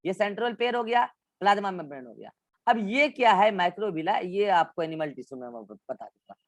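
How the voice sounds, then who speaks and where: A man's voice: high-pitched, animated, brisk, no echo. A male biology teacher giving an online class in with English science terms, walking students through textbook diagrams and repeating instructions.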